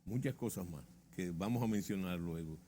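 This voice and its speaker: A man's voice: deep voice, moderate pace, mellow. A man with a Dominican Spanish Caribbean accent explains history conversationally, repeating himself for emphasis and checking that he is followed. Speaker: interview guest.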